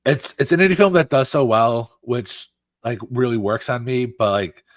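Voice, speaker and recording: A man co-hosting a casual film review podcast, talking in a loose, animated way full of fillers. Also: medium pitch, moderate pace, dry recording. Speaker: podcast co-host.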